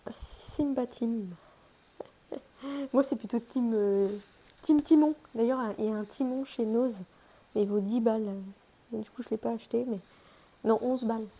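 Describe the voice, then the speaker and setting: Young woman, casual haul vlogger, chatty and self-mocking, warm low-key timbre. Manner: chatty, self-mocking, talks to her pets. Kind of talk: casual shopping haul vlog.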